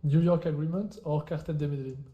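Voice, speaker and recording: Very dark-voiced male talk show host. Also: on the high side, steady tone, dull audio. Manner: brisk, with short "all right" transitions. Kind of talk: rapid-fire quiz questions in a live virtual reality talk show.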